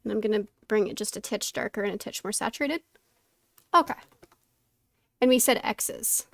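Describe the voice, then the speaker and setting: A woman's voice: medium pitch, moderate pace, dry recording. A woman chatting casually on an art live stream, thinking aloud in a mildly flustered, self-deprecating way. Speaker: streamer painting along to a tutorial.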